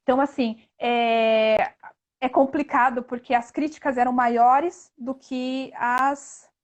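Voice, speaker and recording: In a muffled recording, a woman's high voice comes through slowly with fairly even intonation. She is a Brazilian investment instructor, accented in Brazilian Portuguese, appearing as an interview guest and explaining earnestly and conversationally, often finishing phrases with a tag question.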